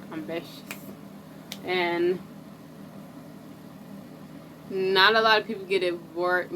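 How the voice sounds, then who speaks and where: A woman's voice: lowish voice, noisy background. A woman vlogging about astrology in loose, slangy casual chat, often breaking off and restarting. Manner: loose and rambling, breaks off and restarts, laughs at herself. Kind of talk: casual rambling chat to camera.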